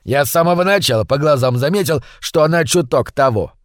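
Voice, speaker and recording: A man's voice: fairly high pitch, animated, a little fast, no echo, clean studio sound, close to an everyday voice. A man voicing a snide small brother who hisses and sneers. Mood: sneering. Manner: hissing, sneering.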